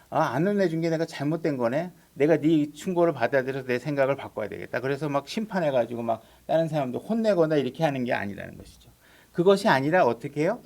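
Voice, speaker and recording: A man's voice: fairly high pitch, a little mellow. A man preaching a sermon as pastor, in a conversational way with frequent rhetorical questions to the congregation. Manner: acts out quoted prayers and voices of God in his own voice.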